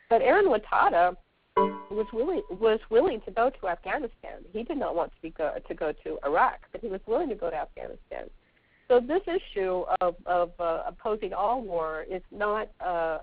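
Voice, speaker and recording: A woman with a scratchy voice from a sore throat and a sniffly cold, answering questions haltingly as a guest on a conference call. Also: fairly low pitch, no room sound. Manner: halting, searching for words. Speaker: guest speaker, veterans' organization representative. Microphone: telephone. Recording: tinny, narrowband phone line.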